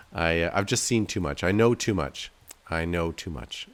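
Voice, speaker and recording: The speaker has a deep, animated voice and a slow pace. As host of a video featuring the game he developed, he offers relaxed, rambling commentary, thinking aloud in a self-deprecating manner.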